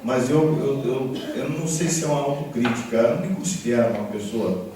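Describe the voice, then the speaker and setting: A man preaching a sermon in a church, talking conversationally and telling stories with animated retellings, often checking in with his listeners. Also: mid-range voice, fairly quick. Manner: conversational, repeats tag questions, animated storytelling. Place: church hall. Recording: echoey church hall from far off, background noise.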